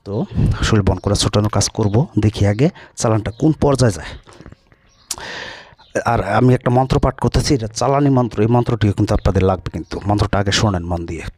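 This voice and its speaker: Brisk low-voiced male folk healer. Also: darkish tone, husky, no room sound. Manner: brisk, blunt, scolding instructions; chants spells slowly. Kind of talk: instructional video talk.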